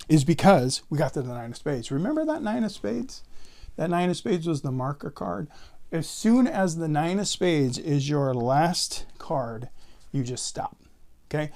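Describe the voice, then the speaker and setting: A man's voice: on the high side, darkish tone. A man talking in casual card magician patter, explaining and counting aloud step by step like a tutorial presenter.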